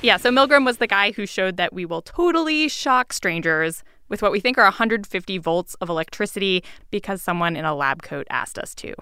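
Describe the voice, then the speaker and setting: A woman who co-hosts a podcast, talking in a relaxed, conversational way that moves between casual chat and narration, with filler words like 'like'. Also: mid-range voice, brisk, few pauses, smooth. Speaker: podcast co-host and producer.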